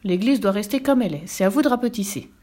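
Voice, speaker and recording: A woman's voice: medium pitch, lively intonation, quick pace, mellow, slightly rough. A woman reading as a kindly village priest. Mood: reassuring. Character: kindly male village priest, calm and fatherly.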